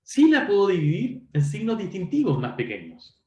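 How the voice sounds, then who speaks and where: Lively, high-voiced male lecturer. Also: moderate pace, roomy sound. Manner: explanatory, checks in with students; self-correcting, frequent "perdón". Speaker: university lecturer. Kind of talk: online linguistics lecture.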